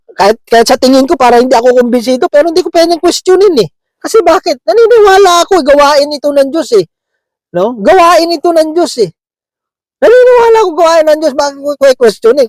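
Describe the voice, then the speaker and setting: A man's voice: very high voice, darkish tone, no echo, rough recording. Chatty, chuckling male preacher, dry sound. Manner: chatty, keeps asking "di ba?", chuckles often; mixes English words into his talk. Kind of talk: conversational sermon.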